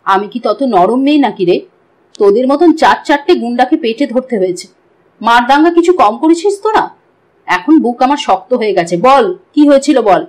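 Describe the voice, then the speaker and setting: A woman's voice: a little high, lively intonation, normal speed, a little mellow. A woman voicing a fierce middle-aged mother in an audiobook, emphatic and scolding. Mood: worried, fierce.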